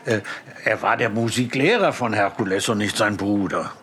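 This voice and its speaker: A man's voice: on the low side, moderate pace, fairly bright tone, slight background noise, pitched below the performer's own voice, natural voice. A man voicing a tired, dreamy young boy in a children's audiobook, distracted and hesitant.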